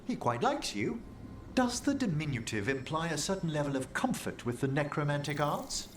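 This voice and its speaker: An actor playing a polite, fussy older necromancer, speaking formally in a video game. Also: male voice, on the high side, sing-song, moderate pace, slight background noise. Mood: curious. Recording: roomy game audio.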